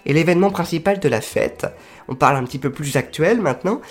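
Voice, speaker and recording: A man explaining history in a casual, chatty way, full of fillers and quick self-corrections. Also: a little high, animated, soft background music.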